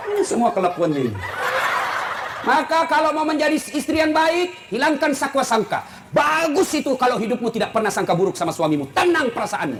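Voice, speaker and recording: A middle-aged man giving a humorous sermon, animated and teasing, acting out voices of husbands and wives. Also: extremely high pitch, fairly quick. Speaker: preacher. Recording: noisy live event recording.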